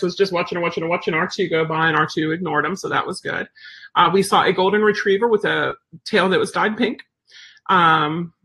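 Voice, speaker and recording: A woman's voice: on the low side, pushed and bright, husky. A woman chatting casually about her service dog, rambling with lots of ums and likes. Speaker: service dog handler sharing updates. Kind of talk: casual chat.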